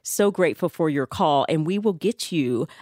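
Low-voiced woman hosting a dry studio show. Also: expressive, moderate pace, no echo. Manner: warm, affirming, encouraging callers. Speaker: radio host. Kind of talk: radio call-in show hosting.

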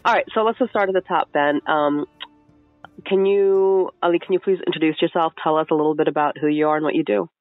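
A woman's voice: sits low, quick pace, dry recording, faint music behind. A woman hosting a podcast, asking questions in a curious, enthusiastic, casual interview manner. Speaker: podcast host. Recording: tinny phone-like line, dry.

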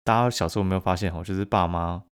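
A man with a Taiwanese Mandarin accent hosting a casual solo podcast, blunt and profane, laughing at his own stories and jumping louder and higher when he mimics other people. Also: fairly even intonation, very fast, clear, resonant tone. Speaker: podcast host.

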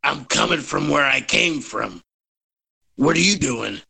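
A man voicing a blunt, cocky human mercenary in a tabletop game, answering in short, gruff lines. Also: a little high, animated, unhurried, pushed and bright, full character voice, poor audio. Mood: curt.

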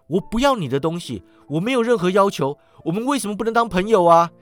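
A man's voice: high-pitched, lively intonation, fast talker, dry recording, soft background music, voice pushed up. A man voicing a cheerful young nephew who pleads in an earnest way.

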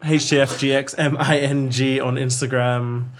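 A man's voice: medium pitch, flat delivery, normal speed. A man in his twenties chatting casually on a podcast in a slangy, bro-like way. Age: 20s. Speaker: podcast guest or panelist. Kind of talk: casual chat.

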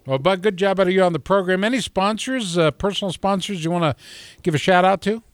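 A man hosting a radio interview, joking and relaxed, slowing down for promo reads. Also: sits high, no room sound. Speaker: radio show host.

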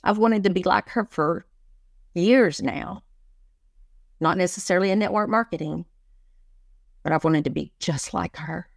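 A middle-aged woman coach talks slowly and earnestly as an interview guest, hammering her points home by repeating them. Her voice sits a little low for a woman. The recording is close and dry, with no room sound. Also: vocal fry, no room sound. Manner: earnest, emphatic, repeats key phrases. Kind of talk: motivational interview talk.

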